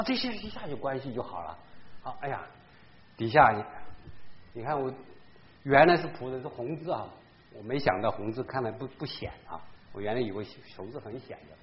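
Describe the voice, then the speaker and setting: A man leading a casual Bible study lesson, talking in an animated way, repeating himself and dropping in English words. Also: fairly high pitch, lo-fi sound.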